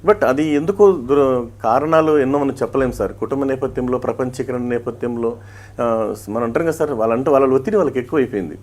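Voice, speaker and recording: A man's voice: medium pitch, a little fast, a little mellow. A middle-aged man with an Andhra Pradesh Telugu accent speaks as an interview guest, a police head constable who also does mimicry. He tells his points as stories, slips in proverbs and rhymes, and shifts his voice often to act them out.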